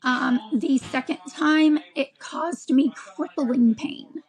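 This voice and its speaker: A woman of forty, an interview guest, telling her own story in a halting way with frequent ums and restarts. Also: high voice, poor audio. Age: 40s. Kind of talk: candid personal account.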